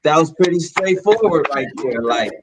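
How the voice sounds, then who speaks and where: A man's voice: fairly high pitch, lively intonation, moderate pace, noisy background. A man hosting a casual comedy talk show, easygoing and teasing, full of fillers. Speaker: host.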